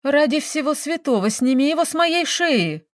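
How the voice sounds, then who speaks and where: A woman voicing a brisk, dryly teasing young woman, a detective, in an audiobook. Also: on the high side, animated, a little mellow, dry recording, clean studio sound, lightly acted. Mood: firm, teasing.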